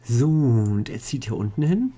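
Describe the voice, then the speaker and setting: A man's voice: mid-range voice, sing-song, measured pace, dark tone, slightly rough. A man hosting a let's play, casually commentating and joking while reading out chat questions.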